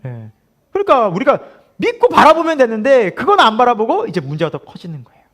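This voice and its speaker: A male pastor delivers a midweek sermon in a high, lively voice that leaps up and down as he preaches. He keeps turning to the congregation with questions and breaks into laughter often. He acts out the voices he quotes. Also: fairly quick. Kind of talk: sermon at a midweek prayer service.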